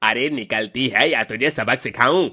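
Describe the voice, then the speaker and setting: A man's voice: mid-range voice, unhurried, pushed and bright. A man voicing a sleazy male street thug in a cartoon, taunting and lecherous. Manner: mocking, lecherous. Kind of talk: Hindi cartoon voice acting.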